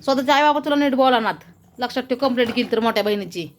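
Woman with a really high voice, bitter and scolding, going over the same complaint again and again. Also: racing, slight background noise. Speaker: vlogger. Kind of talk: angry family quarrel.

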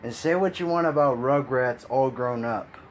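A man's voice: mid-range voice, normal speed, a little hiss or hum. A man giving a frustrated, exasperated rant as a video commentator, sighing and repeating himself. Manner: frustrated, exasperated ranting with sighs and laughs. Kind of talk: ranting opinion commentary.

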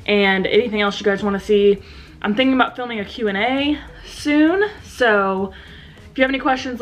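A woman's voice: medium pitch, a bit bright. Chatty young woman with a slight lisp. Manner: chatty, many ums and likes. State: slight lisp from new aligners. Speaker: vlogger. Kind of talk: casual vlog talking to camera. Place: bedroom at home. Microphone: camera set down in front of her.

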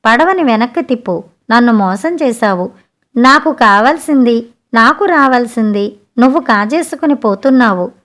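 A greedy, scheming merchant from an old storybook tale, his voice pitched a little high, as a woman reading aloud gives him voice. He turns from dismissive to wailing over his loss. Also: animated, moderate pace, a bit bright. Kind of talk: storybook narration.

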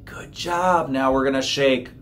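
A middle-aged librarian sits at a table in a small indoor room leading children's story time, strumming an acoustic guitar as he gives simple, encouraging sing-along instructions to small children. His mid-range voice has fairly even intonation and a measured pace.

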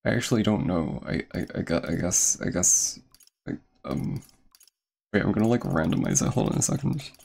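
Slightly out of breath, a young man chats casually while streaming a game, rambling with many fillers and restarts over game music. His fairly low voice is sing-song, creaky, husky and darkish, at normal speed.

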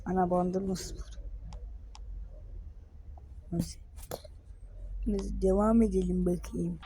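A woman talks through a football management game at an unhurried pace. Her voice has a soft, mellow tone. She mumbles quietly and then bursts into loud, slangy exclamations. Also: fairly low pitch, a little hiss or hum. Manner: excitable, slangy outbursts between quiet mutters. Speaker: gaming video creator. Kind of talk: gameplay commentary.

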